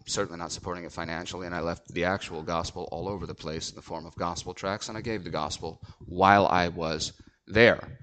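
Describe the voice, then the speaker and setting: A man's voice: low voice, fairly bright tone. A man, a pastor, telling a story from the pulpit in an earnest, emphatic sermon.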